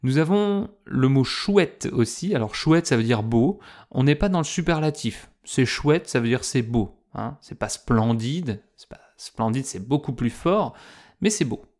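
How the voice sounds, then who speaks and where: A man's voice: mid-range voice, lively intonation, darkish tone. Guy teaching french vocab, patient, repeats stuff a lot, chatty with the listener. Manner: slow, patient, explains with repetition; addresses listener informally, fillers. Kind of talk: vocabulary lesson for learners.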